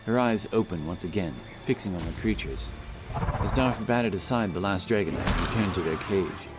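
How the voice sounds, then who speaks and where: Loud music plays under this recording of a man narrating an audiobook. He reads scripted fantasy as a dramatic storyteller, his voice low and his pace moderate.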